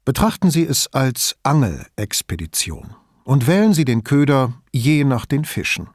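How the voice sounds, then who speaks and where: A man voicing an older male police commissioner who speaks calmly and wryly. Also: mid-range voice, moderate pace, no room sound. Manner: calm, dry, wry. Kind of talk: audiobook character voice.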